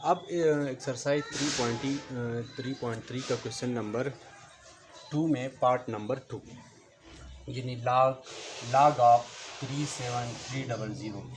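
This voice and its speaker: A man teaching a math lesson, explaining slowly, repeating each step and counting aloud. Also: medium pitch, steady tone. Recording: noticeable background noise.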